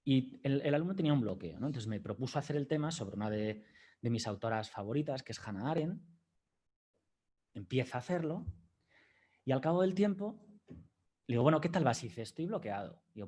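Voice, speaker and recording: Speaking at a medium pitch with a somewhat mellow tone, a man lectures at a university. He is reflective and plays out his dialogue with a student while recounting the story.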